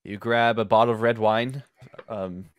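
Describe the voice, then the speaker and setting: A man narrating as game master for a tabletop game, pausing often with ums and uhs. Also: fairly low pitch, fairly even intonation. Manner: halting, with many ums and uhs.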